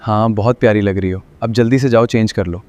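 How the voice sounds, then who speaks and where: A man's voice: fairly low pitch, fairly even intonation, darkish tone. A man with a Pakistani Urdu accent, playing the teasing husband in a scripted couple vlog skit. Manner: playful teasing banter. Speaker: vlogger husband.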